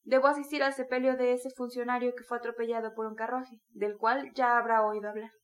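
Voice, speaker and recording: A woman's voice: a little high, level tone, brisk, natural voice. A woman reading the curt, angry lines of a proud young man who refuses to be questioned. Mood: irritated. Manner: curt, sharp, rising anger.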